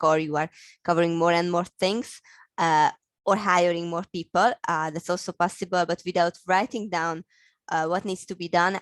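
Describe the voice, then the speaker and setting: Hungarian woman with a low voice. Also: dry recording. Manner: explanatory, with many fillers and restarts. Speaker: guest, operations consultant. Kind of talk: interview answers.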